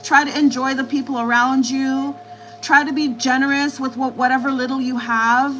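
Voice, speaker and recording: A woman's voice: high-pitched, little pitch movement, normal speed, fairly bright tone, slight background noise, poor audio. A woman doing a live tarot reading, repeating herself reassuringly as she relays messages from spirits. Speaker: tarot reader.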